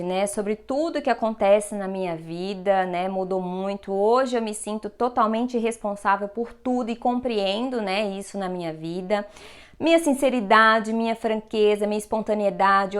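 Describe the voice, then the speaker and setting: A woman's voice: medium pitch, clear, resonant tone. A woman giving an earnest personal testimonial, often adding "né" and "meu". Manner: earnest, uses fillers like "né" and "meu". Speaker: testimonial speaker.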